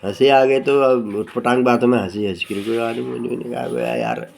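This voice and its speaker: A man's voice: medium pitch, animated, a little fast, gravelly, a little mellow, slight background noise. A man tells a homespun tale in a loose, rambling way, repeating himself and losing his thread before circling back. His voice sits mid-range, and it jumps up sharply whenever he slips into a character's line. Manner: rambling, repeats "bola" often, loses track and circles back. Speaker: storyteller. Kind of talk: casual spoken storytelling.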